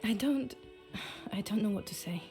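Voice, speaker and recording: A woman's voice: medium pitch, moderate pace, over music, close to an everyday voice. An actress voicing a reluctant female patrol officer in a video game, hesitant and evasive. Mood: reluctant, uneasy.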